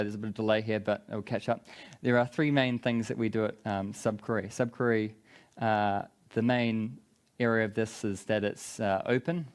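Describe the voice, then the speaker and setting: A man with a broad New Zealand accent gives a product presentation at a conference, explaining things in an informal way. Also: on the low side. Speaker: conference speaker, business development head.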